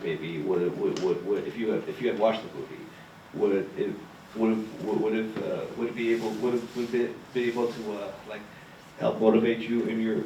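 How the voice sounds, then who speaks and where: A man's voice: on the low side, dark tone, roomy sound, distant mic, slight background noise, poor audio. A man interviewer asking a question hesitantly, with many restarts.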